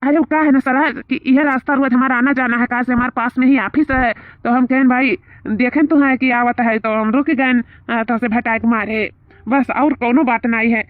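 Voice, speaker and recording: A woman voicing a flirtatious, boastful brother-in-law in a cartoon, speaking in a smooth, coaxing way. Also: high voice, moderate pace, no echo, lightly acted. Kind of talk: cartoon voice acting. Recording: dry, tinny phone-like audio.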